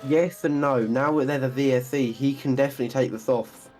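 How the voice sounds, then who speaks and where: A man's voice: medium pitch, fairly even intonation, a little fast, a little mellow, soft background music. A man co-commentating a sim racing league over online voice chat, adding short, chatty remarks on tyres and strategy.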